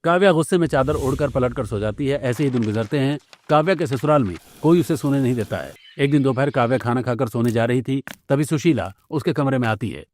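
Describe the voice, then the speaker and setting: A man narrating a cartoon story in a steady, plain scripted style. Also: medium pitch, fairly quick, few pauses, a little hiss or hum.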